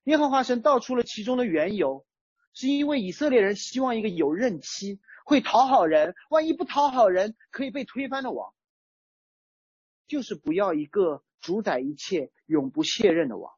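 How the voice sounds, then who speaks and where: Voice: medium pitch, big pitch swings, moderate pace, a little mellow, breathy edge, no room sound, highs cut off. A preacher giving a sermon in a conversational way, using everyday examples. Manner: conversational, uses everyday chat-group analogies. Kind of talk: sermon on a psalm.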